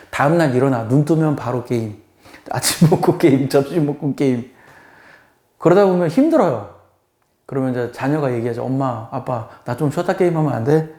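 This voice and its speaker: Lively man lecturing in an echoey room. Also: mid-range voice. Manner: lively, acts out quoted people. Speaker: math tutor. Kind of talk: conversational lecture.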